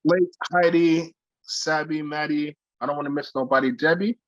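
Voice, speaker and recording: Guest man from Brooklyn, chatty storyteller, fairly high voice, dry muffled lo-fi sound. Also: normal speed, dry recording. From Brooklyn, United States. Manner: animated storyteller, repeats words, calls people man. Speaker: guest singer. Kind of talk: casual interview chat.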